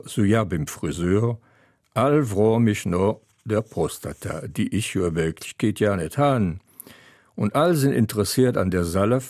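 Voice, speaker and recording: Slow, dry-humored storyteller man. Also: lowish voice, darkish tone, husky, dry recording. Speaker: comedic storyteller. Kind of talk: humorous dialect monologue.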